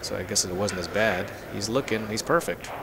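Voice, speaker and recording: Male pool commentator, joking storyteller, low voice, noisy stream recording. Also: brisk. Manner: chatty, joking, tells anecdotes. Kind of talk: live stream play-by-play commentary.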